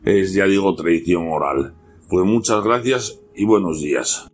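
A man appearing as a radio guest, casually retelling a story with relaxed fillers. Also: low voice, measured pace, background noise. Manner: relaxed, with fillers like "bueno, pues".

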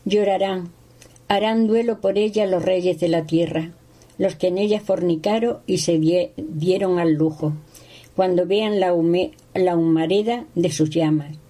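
A woman reading a Bible passage aloud at a steady pace, sometimes stumbling on a word. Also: on the low side, unhurried, poor audio. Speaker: scripture reader.

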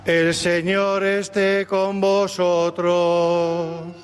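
A man from proclaims the gospel as a deacon, slow and measured, slipping into chant. His slightly high voice rolls through a long cathedral echo. He stands well back from the microphone. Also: flat delivery, faint music behind. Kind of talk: liturgical gospel reading, partly chanted. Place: large cathedral during a televised Mass. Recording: long cathedral reverb, distant mic.

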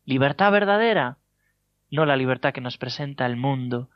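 A Spanish priest delivers a homily in a light, humorous storytelling manner with a Spain accent. His voice sits at a middle pitch. The recording is dull and lo-fi, with a dry, close sound. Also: lively intonation, normal speed, no echo. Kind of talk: sermon.

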